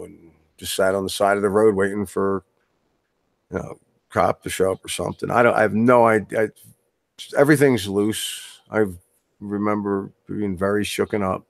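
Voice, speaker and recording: A man's voice: fairly low pitch, vocal fry, no echo. A man being interviewed as a guest author, talking in a loose, rambling way with many restarts. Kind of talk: casual interview chat.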